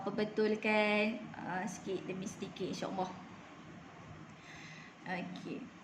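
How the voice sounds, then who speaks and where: A Malaysian woman teaching Quran recitation, patiently drilling each word slowly and repeating it for her class. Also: mid-range voice, fairly bright tone, echoey room, slight background noise. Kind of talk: Quran reading lesson. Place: room at a clinic.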